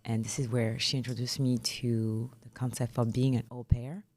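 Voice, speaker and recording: A woman in her thirties from France, a guest chatting softly and hesitantly with frequent little laughs. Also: rumbling low, level tone, normal speed. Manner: soft-spoken, laughs often, hesitant fillers. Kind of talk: casual interview chat.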